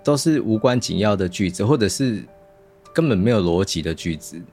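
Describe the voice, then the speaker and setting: A man's voice: fairly low pitch, lively intonation, normal speed, darkish tone, faint music behind. A man with a Taiwanese Mandarin accent chatting casually and expressively as a co-host of a book show. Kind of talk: casual chat about books.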